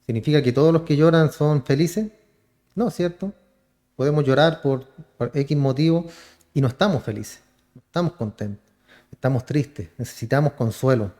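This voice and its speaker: Chilean pastor guy preaching, kinda high voice, keeps asking the church questions. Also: moderate pace, mellow. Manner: calls the congregation brother, asks rhetorical questions. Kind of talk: sermon.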